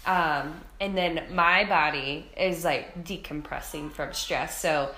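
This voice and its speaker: A woman with a fairly low voice and a Midwestern American accent talks informally as a podcast host. She is chatty and casual, as if catching up with a friend. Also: takes it slowly, bright, forceful tone. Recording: echoey room sound, music behind intro.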